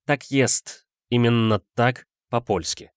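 A man's voice: mid-range voice, slow pace, smooth, dry recording, studio quality, lightly acted. A man voicing a young, haughty student poet of noble birth who squeals with indignation. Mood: proud.

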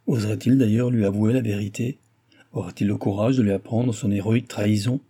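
A man narrates a classic novel at a measured pace. His voice is dark and mellow with a husky grain, and it sits on the lower side. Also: steady tone. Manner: measured storytelling. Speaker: audiobook narrator. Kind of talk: scripted narration.

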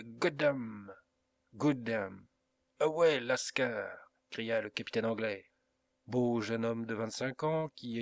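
A man reads a classic adventure novel as an audiobook, telling the story in an expressive, dramatic way. His voice is medium in pitch, with no echo.

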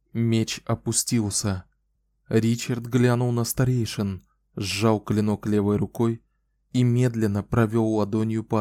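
A man reading an audiobook as narrator, with measured storytelling. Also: lowish voice, mellow, dry recording, studio quality. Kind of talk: scripted narration.

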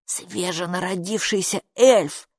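A woman voicing a calm, gloomy boy in an audiobook who explains things matter-of-factly. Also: lowish voice, slow pace, dry recording, studio quality. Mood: glum. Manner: glum, matter-of-fact. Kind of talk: audiobook character voice.

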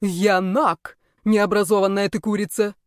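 A woman's voice: medium pitch, fairly even intonation, measured pace, dry recording, clean studio sound, natural voice. A woman voicing a cheeky young male naga student who teases with slang. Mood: mocking. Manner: teasing, slangy, brash.

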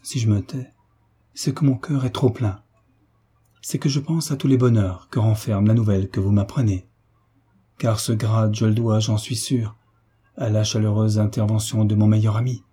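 A man's voice: fairly low pitch, fairly even intonation, normal speed, mellow, husky. A man voicing an earnest young officer who speaks with hesitant, moved sincerity.

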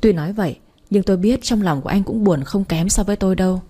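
A woman narrating a first-person love story aloud in a plain, even storytelling manner. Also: mid-range voice, fast, breathy edge.

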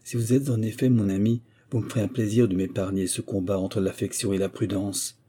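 A man voicing a gentle, tender but firm young woman in an audiobook, reading her replies earnestly and with restraint. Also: fairly low pitch, level tone, a little fast, husky.

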